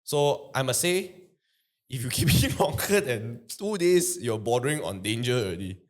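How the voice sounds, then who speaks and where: Animated Singaporean man with wide-swinging pitch. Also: normal speed. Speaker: panelist. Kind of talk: casual group chat.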